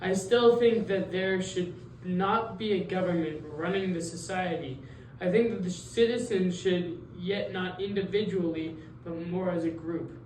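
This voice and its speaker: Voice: medium pitch, measured pace, a little mellow, close to an everyday voice. A teenage student playing an idealistic male philosopher in a school role-play interview, speaking hesitantly and correcting themselves. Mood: earnest. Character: male philosopher Jean-Jacques Rousseau, idealistic. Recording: roomy, distant mic, faint noise.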